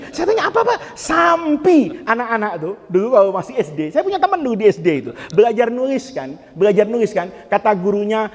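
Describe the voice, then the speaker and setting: A man preaching a sermon, animated and joking, swinging between loud and soft. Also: very high voice, long reverb tail. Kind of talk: Islamic sermon to a congregation.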